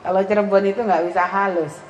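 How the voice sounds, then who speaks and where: A woman's voice: mid-range voice, fairly even intonation, fast, a little mellow. A woman with a Javanese accent giving a religious lesson to women, reciting Arabic lines and translating them with chatty asides. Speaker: Islamic religious teacher. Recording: echoey hall, faint background noise.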